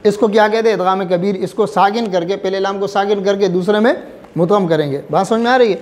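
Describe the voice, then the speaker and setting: A man teaching a recitation class, drilling his students with repeated check questions and reciting examples slowly, letter by letter. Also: high-pitched, darkish tone. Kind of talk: classroom lesson.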